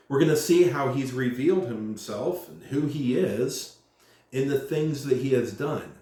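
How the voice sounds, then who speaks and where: A man's voice: medium pitch, a little mellow. Earnest male pastor in an echoey room. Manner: earnest teaching, slows to stress long lists. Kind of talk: church announcement talk, sermon-like.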